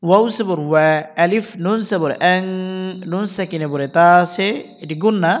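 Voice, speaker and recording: A man teaching a Quran reading lesson, spelling out each letter and vowel mark and then reciting the words slowly with long, drawn-out vowels. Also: high-pitched, long reverb tail. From Bangladesh.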